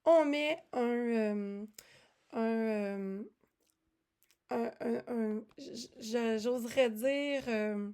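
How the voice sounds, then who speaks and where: A woman's voice: a little high, very slow, darkish tone, clear, resonant tone. A woman casually walking through music classroom materials, chatty with many fillers and restarts. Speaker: music teaching resource presenter.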